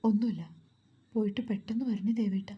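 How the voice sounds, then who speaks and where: A woman voicing a shy, heartbroken young wife in a storybook reading, speaking softly and hesitantly. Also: medium pitch, steady tone, fairly quick, dull audio, lightly acted. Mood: timid. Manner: soft, timid and hesitant.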